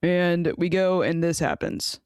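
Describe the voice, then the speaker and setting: A woman's voice: on the low side, steady tone, measured pace, a little mellow, smooth, dry recording, studio quality. A woman co-hosting a casual sports podcast, blunt and frustrated, swearing and laughing as she talks. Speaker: podcast co-host.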